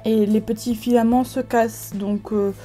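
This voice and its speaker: Chatty French crafter, mellow voice. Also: female voice, a little high, little pitch movement, normal speed, soft background music. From France. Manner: chatty, many fillers and restarts. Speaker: craft video creator. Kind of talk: casual crafting tutorial.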